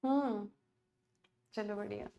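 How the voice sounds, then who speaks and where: A woman's voice: mid-range voice, steady tone, takes it slowly, echoey room, lo-fi sound. A woman English teacher giving an online class lecture, mixing Hindi and English in a coaxing, chatty way.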